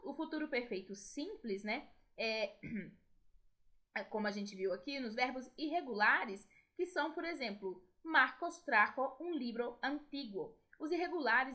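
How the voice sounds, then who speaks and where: Speaking in a high, fairly bright voice, a woman with a Brazilian Portuguese accent teaches Spanish grammar in a recorded video. She keeps her explanations interactive with frequent tag questions to students.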